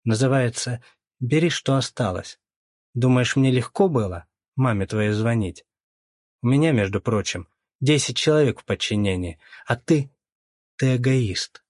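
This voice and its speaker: A man reading a story, voicing an indignant divorced woman who scolds her ex-husband in a raised, shrill voice. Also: expressive, unhurried, darkish tone, no echo, studio quality. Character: sharp-tongued divorced woman, indignant and bossy.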